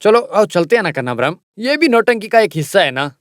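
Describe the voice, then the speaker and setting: A man's voice: high voice, big pitch swings, fast talker, no room sound, studio quality. A man dubbing a sly courtier who coaxes and scolds. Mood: coaxing. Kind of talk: Hindi film dub.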